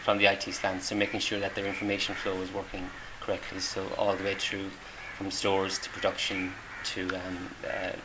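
A man's voice: low-pitched, completely flat delivery, normal speed, few pauses. A middle-aged Irish man answering interview questions in a hesitant way, with many ums and restarts. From Ireland. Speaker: interviewee, volunteer. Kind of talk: casual interview. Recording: noisy room ambience.

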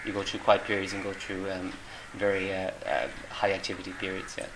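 Answering casual interview questions as a volunteer, a middle-aged Irishman speaks low, monotone, and fairly quick. He stumbles along hesitantly, with frequent ums and restarts, while the room around him is noisy.

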